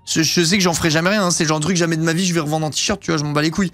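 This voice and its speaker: Rapid-fire and fairly bright, a man in his thirties speaks at a fairly high, steady pitch over soft background music. Streaming a casual chat about what he's bought, he rambles with many fillers, crude slang, and free swearing.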